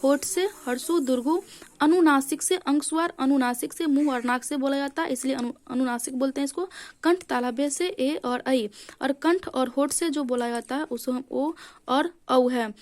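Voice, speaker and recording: A woman's voice: sits high, moderate pace, darkish tone. A woman teaching a grammar lesson for exam preparation, explaining step by step and answering her own questions.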